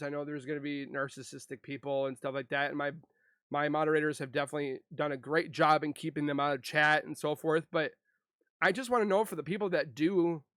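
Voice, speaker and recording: A man venting to his viewers in a vlog, halting and frustrated, and holding back tears as he speaks. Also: a little high, a bit bright, no room sound. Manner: halting, frustrated, with frequent restarts. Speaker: YouTuber.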